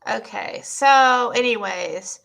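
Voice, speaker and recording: Squeaky, gravelly-voiced woman streamer. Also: slow, fairly bright tone. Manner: blunt and dismissive, rambling. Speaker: streamer reading chat. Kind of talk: casual live-stream commentary. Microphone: cheap twelve-dollar mic.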